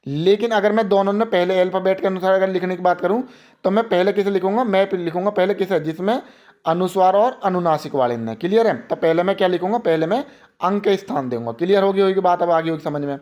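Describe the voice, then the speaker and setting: A young man teaching an exam-prep grammar lesson, asking questions and answering them himself, and slowly repeating example words. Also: high voice, a little mellow.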